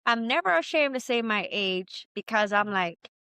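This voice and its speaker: A woman in her thirties with a Jamaican accent, telling her story as a podcast guest in a lively, chatty way. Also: fairly high pitch, moderate pace, clear, resonant tone, dry recording. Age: 30s. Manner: lively, chatty, quotes herself often. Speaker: guest entrepreneur. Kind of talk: candid storytelling interview.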